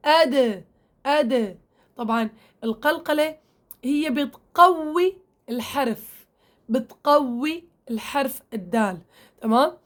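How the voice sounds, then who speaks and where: A woman with a Levantine Arabic accent, her voice pitched high, teaches Quran recitation to female learners. She explains each point step by step, demonstrates the sounds aloud and stops often to ask if they follow. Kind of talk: tajweed lesson, addressing female learners.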